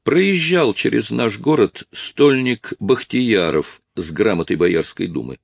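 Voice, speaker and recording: A man's voice: fairly low pitch, expressive, unhurried, gravelly, dry recording, pitched above the performer's own voice, full character voice. A man voicing a loyal deputy officer who explains things earnestly.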